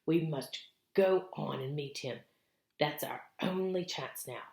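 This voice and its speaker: A woman voicing a grave, knowing male beaver from a storybook, speaking in an ominous, deliberate way. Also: sits low, gravelly, a little mellow, echoey room, full character voice. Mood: grave urgency.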